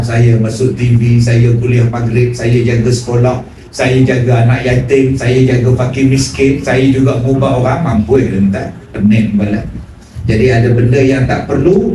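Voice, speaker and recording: A man preaching a sermon, telling stories animatedly and acting out dialogue with big swings in pitch. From Malaysia. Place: prayer hall. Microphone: phone recording from the audience. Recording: echoey hall from far off with room noise.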